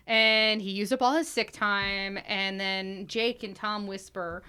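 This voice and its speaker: A woman's voice: mid-range voice, fairly even intonation, slow, pushed and bright, smooth. A woman co-hosting a podcast, casually recapping a movie scene by scene and acting out the characters' lines. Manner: recounts scenes, acts out quotes. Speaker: podcast co-host.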